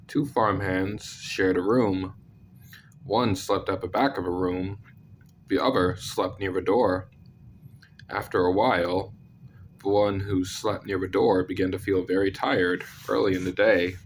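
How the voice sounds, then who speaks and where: Low, slow-talking man with a sick voice. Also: steady tone, a little hiss or hum. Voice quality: congested, sick-sounding voice. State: sick, clearing throat. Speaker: narrator of scary stories. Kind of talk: scripted story narration with casual asides.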